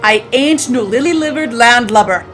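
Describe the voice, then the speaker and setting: Boastful male pirate captain, played by a woman; gruff pirate talk, blustering, slightly raised pitch, distant sound. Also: normal speed, fairly bright tone, faint music behind, lightly acted. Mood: defiant.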